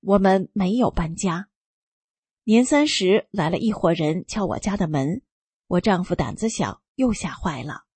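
A woman reading a first-person testimony aloud, telling it in a calm and steady way. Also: lowish voice, unhurried, slightly rough, no echo. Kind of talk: scripted narration.

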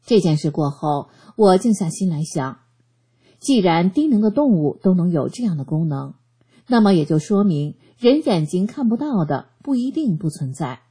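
A woman giving a scripted narration of a first-person testimony, reading in an earnest, steady way. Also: fairly low pitch, normal speed, husky.

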